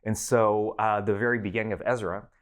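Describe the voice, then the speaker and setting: Relaxed low-voiced American man telling stories. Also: a little fast. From United States. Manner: relaxed, storytelling with fillers and restarts. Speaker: guest professor. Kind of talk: conversational interview.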